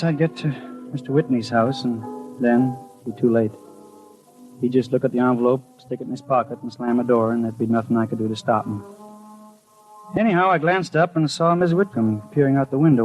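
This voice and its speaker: Brisk and natural, a mid-range male voice plays an anxious postman in a 1950s radio drama, brooding over his imagined suspicions in narration and faltering, stammering whenever he speaks with others. The highs are cut off, as on an old broadcast with music.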